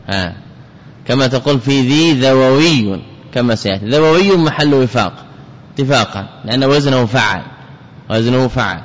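A man's voice: medium pitch, a bit bright. A man teaching classical Arabic grammar as a scholar, repeating key words and putting questions to his students. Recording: dull lo-fi recording with long hall reverb.

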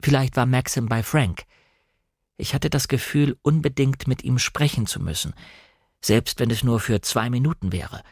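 Man narrating a novel, slightly husky. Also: medium pitch, normal speed, darkish tone, no echo, clean studio sound. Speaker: audiobook reader. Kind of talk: scripted narration.

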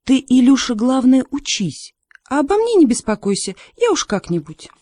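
A woman voicing a breezy, carefree young mother in a read-aloud story, talking briskly. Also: fairly high pitch, sing-song, mellow, dry recording, pitched above the performer's own voice.

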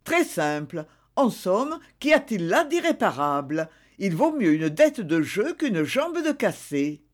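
A woman's voice: medium pitch, big pitch swings, takes it slowly. A woman reading the part of an extravagant wife in a novel, theatrical and self-justifying. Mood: commanding. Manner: theatrical, pleading then commanding.

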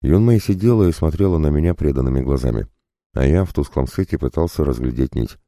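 A man narrating a fantasy audiobook in the first person, calm and steady. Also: rumbling low, fast, no room sound, clean studio sound.

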